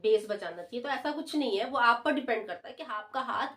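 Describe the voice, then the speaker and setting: A woman's voice: fairly high pitch, lively intonation, a little fast, slight background noise. A woman teaching the dholak online, patiently explaining and counting beats aloud. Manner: patient, repeats counts loudly while drumming. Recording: dholak drumming behind the voice.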